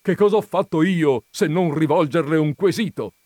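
A stubborn, smug caller who keeps pressing the same question, slightly raised in pitch and full of emphasis, as a narrator puts him on. His lines come slow and deliberate in a dry, close recording of a comic audiobook. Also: lively intonation, dry recording. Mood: insistent. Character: calm, stubborn male visitor, insistent and smug. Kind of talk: audiobook reading of a comic story.

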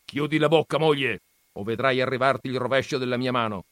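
A man's voice: mid-range voice, normal speed, no echo, clean studio sound, pitched above the performer's own voice, close to an everyday voice. A man doing a blustering old grandfather. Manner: loud, raised, declaiming.

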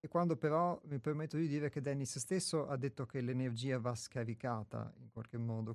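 A man's voice: mid-range voice, creaky, darkish tone, dry recording. A man hosting a radio phone-in, speaking reflectively and off the cuff in tentative, roundabout phrases. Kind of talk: reflective spontaneous discussion on a talk show.

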